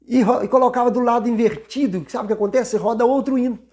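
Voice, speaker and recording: A man's voice: very high voice, steady tone, fast talker. A middle-aged man teaching a Bible lesson in a conversational way, with frequent restarts and hesitations. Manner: conversational, many restarts, mimics shouting worshippers. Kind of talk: Sunday school lesson.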